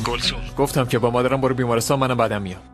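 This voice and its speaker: A man's voice: medium pitch, steady tone, natural voice. A man dubbing a dismissive young man who answers curtly. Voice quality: curt, dismissive. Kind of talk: dubbed TV drama acting.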